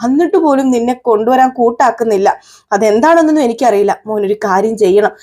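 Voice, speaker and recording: A woman's voice: fairly high pitch, fast, mellow, lightly acted. A woman doing a scheming mother-in-law. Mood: coaxing. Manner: coaxing, plays the wronged mother. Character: scheming middle-aged mother-in-law, manipulative.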